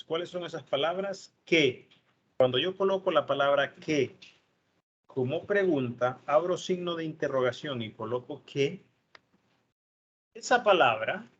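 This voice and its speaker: A slightly higher-pitched man gives an online tutoring lesson at a slow, deliberate pace, walking through each point and pausing to check that his students follow. The recording sounds a bit dull and lo-fi, with a faint hiss underneath. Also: a bit bright, breathy edge. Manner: explains step by step, asks "¿ok?" to check understanding.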